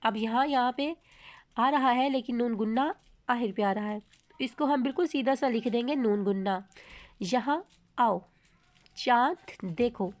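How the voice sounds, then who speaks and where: A woman with a Pakistani Urdu accent teaching a grammar lesson, explaining patiently and drawing out each example word slowly. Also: fairly high pitch. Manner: explains slowly, reads example words drawn out.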